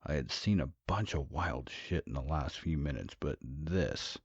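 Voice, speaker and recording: Brief: very low, gravelly male narrator for horror tales, dry and slightly lo-fi. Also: lively intonation, no echo. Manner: measured, dramatic. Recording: dull, dry, lo-fi.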